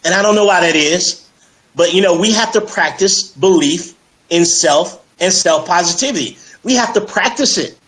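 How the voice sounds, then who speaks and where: Upbeat fitness coach man, fairly high voice. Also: normal speed, rough recording. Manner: energetic, persuasive, many fillers like "you know". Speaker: fitness coach, interview guest. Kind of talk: casual interview on a live stream.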